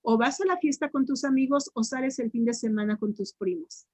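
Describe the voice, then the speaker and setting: A Mexican woman teacher runs a grammar drill, her fairly high voice echoing each student answer. She draws words out slowly, syllable by syllable. The sound is dry and close. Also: a little mellow. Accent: Mexican Spanish. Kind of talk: online grammar tutoring.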